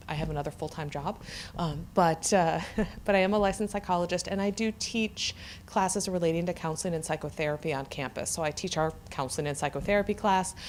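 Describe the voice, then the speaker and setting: Hesitant speaker with many "uh"s. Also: male voice, high voice, a little hiss or hum. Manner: hesitant, with many "uh"s and repeated words. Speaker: psychology faculty member and licensed psychologist. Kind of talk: informal talk to a campus audience. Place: campus meeting room.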